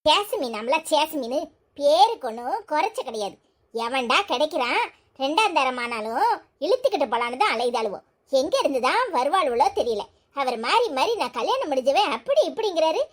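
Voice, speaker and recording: A woman's voice: high voice, very animated, brisk. A woman voicing a young village wife in a cartoon, grumbling and scolding. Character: young village wife, sulky and sharp-tongued. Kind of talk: cartoon storytelling.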